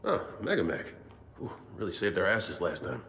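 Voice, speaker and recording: An actor playing an easygoing male soldier making relaxed, joking remarks. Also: low voice, moderate pace, a little hiss or hum, heavily acted. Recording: echoey hall with game music.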